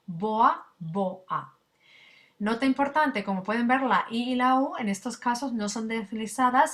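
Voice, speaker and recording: A woman teaching a recorded lecture, explaining slowly and patiently, with frequent fillers and pauses. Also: medium pitch. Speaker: Spanish teacher.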